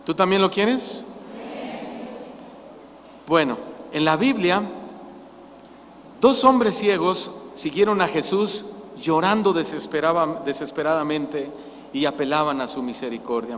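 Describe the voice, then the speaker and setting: A man's voice: on the high side, unhurried, pauses often, a bit bright, slight background noise. A man preaching a sermon as pastor, impassioned and pressing the congregation with questions. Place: church sanctuary. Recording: dull lo-fi church recording with long reverb.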